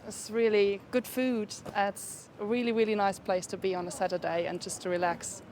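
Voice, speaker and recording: A woman's voice: mid-range voice, flat delivery, normal speed, a little mellow, a little hiss or hum. A woman from Germany talking enthusiastically about her travels in a street interview. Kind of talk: casual chat.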